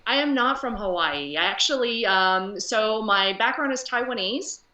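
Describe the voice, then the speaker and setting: A woman from Canada, a guest chatting casually on a video call, talkative and quick to laugh. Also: on the high side, lively intonation, pushed and bright, reverberant, recorded from a distance. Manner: chatty, laughs easily, many fillers.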